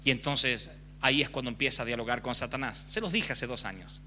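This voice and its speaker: A man's voice: mid-range voice, brisk, pushed and bright, a little hiss or hum. A man preaching a sermon frankly and with passion, often acting out examples. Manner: impassioned, frank, acts out examples.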